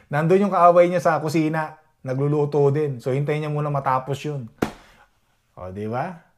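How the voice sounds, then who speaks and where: A man's voice: on the high side, unhurried, pauses often, slight background noise. A man from the Philippines, a vlogger, chatting casually to his viewers and often asking "di ba?" to check they agree. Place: Edmonton, Canada.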